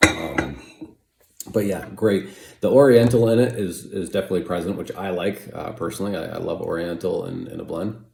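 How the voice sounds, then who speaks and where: A man's voice: deep voice, normal speed, vocal fry, a little mellow. An American man giving a casual product review, rambling and hesitant as he circles back to qualify his points. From United States. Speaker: pipe tobacco reviewer. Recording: roomy echo, faint background noise.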